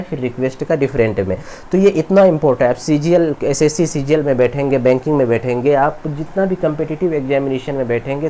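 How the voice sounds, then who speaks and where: A man's voice: mid-range voice, mellow, slight background noise. A man teaching English grammar in a classroom-style lecture, repeating terms and quizzing his students as he goes. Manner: explains slowly, repeats terms and asks the students questions.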